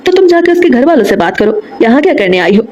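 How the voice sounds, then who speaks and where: A furious young bride-to-be from a romance storybook, scolding and indignant, as a woman narrator reads her. Her voice sits fairly high. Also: big pitch swings, fast, a little mellow, highs cut off. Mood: angry. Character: angry young bride-to-be, sharp-tongued.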